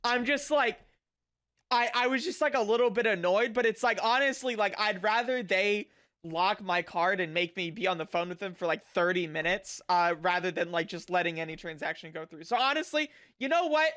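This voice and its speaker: A livestreamer chatting casually with viewers in a cute anime-streamer manner, animated and sweary, with bubbly delivery. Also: mid-range voice, normal speed.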